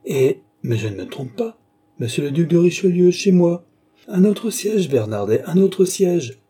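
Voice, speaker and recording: Man as fussy, furious attorney; excitable, pitched way up. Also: unhurried, husky, exaggerated voice. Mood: effusive. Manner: excitable, effusive, loud. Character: agitated fussy male lawyer.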